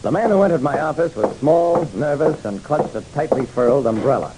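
An actor plays a hard-boiled private detective narrating his casebook in a punchy, dramatic radio style, wry and matter-of-fact. His voice is fairly high, expressive, a little fast and lightly acted. The recording is an old, hissy radio one.

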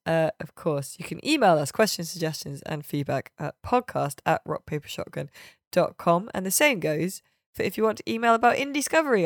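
A woman with a low voice hosts a podcast in a casual, chatty way. The recording is clean studio sound with no room noise.

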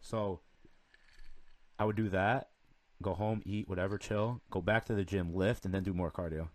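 A man's voice: low-pitched, fairly even intonation, normal speed, dry recording. A young man chatting casually like a frat bro, with lots of slang and swearing. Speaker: podcast guest. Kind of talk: casual chat.

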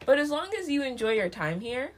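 A woman's voice: sits high, expressive, a little fast. A woman co-hosting a podcast in casual chat, chatty and joking, laughing often as she talks. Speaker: podcast co-host.

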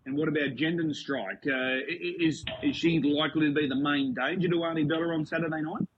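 A man's voice: fairly high pitch, steady tone, fairly quick, breathy edge. A man with an Australian accent conducting a sports interview on racing, putting articulate questions packed with facts. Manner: articulate, fact-heavy questioning. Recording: dull lo-fi audio with noise.

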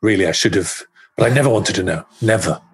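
A man's voice: on the low side, fast, breathy edge. A middle-aged man being interviewed as a screenwriter, talking animatedly, often restarting his sentences and acting out his own thoughts. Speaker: screenwriter guest. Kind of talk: podcast interview conversation.

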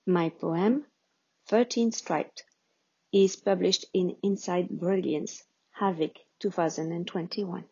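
Slow, husky woman reciting poetry. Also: fairly low pitch, darkish tone, no room sound. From France. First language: French. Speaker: poet. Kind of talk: poetry reading with introduction. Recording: dull lo-fi recording.

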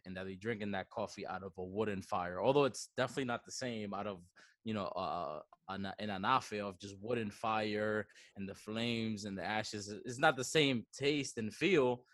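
With roots in the Dominican Republic and the Bronx, this twenty-something coffee entrepreneur is a relaxed podcast interview guest whose Bronx New York accent comes through. His voice is on the low side but fairly bright, full of slang and the occasional Spanish word. The sound is clean studio audio with no echo.

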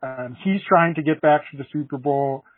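An earnest man on a podcast who keeps stumbling over his words and restarting as he talks. His voice is a bit high and husky. He sounds off-mic, through a tinny phone line. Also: no room sound, far from the mic. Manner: earnest, emotional, halting with many restarts. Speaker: podcast co-host. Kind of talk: sports podcast chat.

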